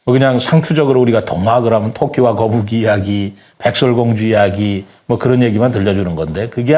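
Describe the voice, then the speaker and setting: A medium-pitched male voice with a somewhat dark tone belongs to a guest writer in a reflective talk-show chat. Politely and formally, he tells stories and explains things with earnestness.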